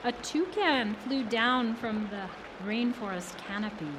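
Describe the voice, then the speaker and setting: Storybook narrator: a woman, unhurried, slightly high voice. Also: animated, background noise. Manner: slow, measured storytelling. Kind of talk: storybook read-aloud.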